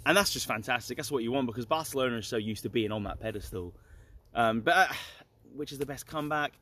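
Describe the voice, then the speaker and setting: A British man co-hosting a football podcast in casual, matey banter, animated and slangy with plenty of tag questions. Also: medium pitch, fast.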